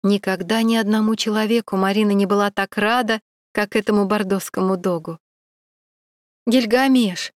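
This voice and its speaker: Woman audiobook narrator, measured and even, mid pitch, dead-dry close mic. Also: no echo. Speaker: audiobook reader. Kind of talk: scripted narration.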